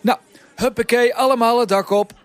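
A man doing a bossy high-voiced head Pete. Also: steady tone, a faint crowd. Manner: brisk, bustling orders.

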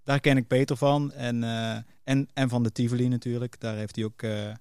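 A man's voice: medium pitch, flat delivery, normal speed, darkish tone, clean tone, dry recording, studio quality. Middelbare man, losse verteltrant, droge opname. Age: middle-aged. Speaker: podcast guest, music booker. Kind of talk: casual interview, telling career anecdotes.

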